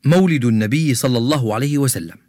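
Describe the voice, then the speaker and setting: A calm, knowledgeable science buff from a children's radio drama, voiced by a man. He explains things steadily in a mid-range voice, recorded close and dry. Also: mid-range voice, fast talker, no echo, natural voice. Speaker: science expert character in a radio show.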